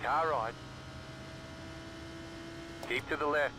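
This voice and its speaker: A man voicing a calm race spotter in a racing game, giving terse pit radio calls of lap times, gaps and clear sides in flat, clipped phrases. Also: mid-range voice, slow pace, background noise.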